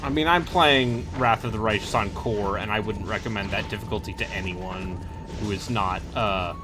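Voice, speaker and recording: A man's voice: on the low side, moderate pace. A man chatting casually with friends about games. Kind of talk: casual chat among friends over gaming. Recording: loud game music behind the voice. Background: music.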